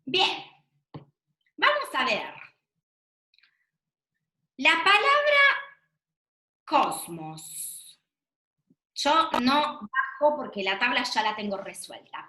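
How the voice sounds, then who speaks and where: A woman's voice: fairly high pitch, sharp tone. A woman teacher, leading an online class in a patient way, asking questions and affirming answers. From Argentina. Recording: echoey room.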